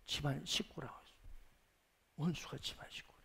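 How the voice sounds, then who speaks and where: A male pastor preaching a sermon, going from loud exclamations to hushed whispers. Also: on the high side, a little fast, gravelly, husky.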